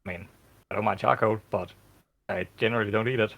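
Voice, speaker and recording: A player speaks for their character in a tabletop game. They keep the remarks dry and deadpan. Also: medium pitch, fast, gravelly.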